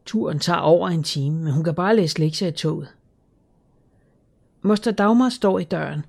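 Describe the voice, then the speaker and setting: A woman calmly narrating a children's story in a measured, scripted reading. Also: low-pitched, creaky. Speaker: audiobook narrator.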